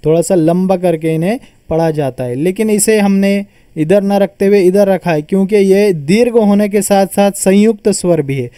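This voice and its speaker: A male teacher gives a patient grammar lesson, sounding out each term and repeating it. His voice is very dark and mellow yet smooth, fairly high for a man, and recorded close and dry. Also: normal speed, few pauses, no room sound. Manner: patient explaining, repeats terms and sounds them out.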